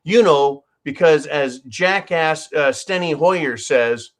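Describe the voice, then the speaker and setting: A man with a slightly high voice speaks slowly as he hosts his own channel. He delivers opinionated news commentary full of sarcasm and profanity, often calling his listeners "folks."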